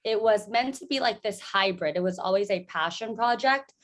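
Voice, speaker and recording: A woman's voice: medium pitch, moderate pace. A woman from San Francisco, a founder, guesting on a podcast, friendly and chatty as she tells her story. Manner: friendly, laughs often, storytelling. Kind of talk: casual interview chat.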